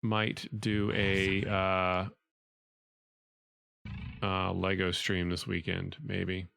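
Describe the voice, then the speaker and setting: A man's voice: deep voice, completely flat delivery, very slow, gravelly, fairly bright tone, smooth, dry recording. A man streaming a video game live, chatting casually in a laid-back, joking way. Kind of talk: casual gaming livestream chatter. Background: game music.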